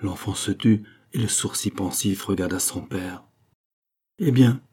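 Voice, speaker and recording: Low mellow guy reading a novel aloud, kinda husky, steady pace. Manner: measured, even storytelling. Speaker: audiobook narrator. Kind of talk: scripted literary narration.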